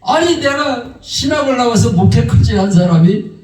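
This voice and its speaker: A very high-pitched male pastor, at normal speed, tells a testimony in his sermon and brings the story's characters to life with acted-out voices. It's recorded in a church sanctuary with lots of echo and a distant mic.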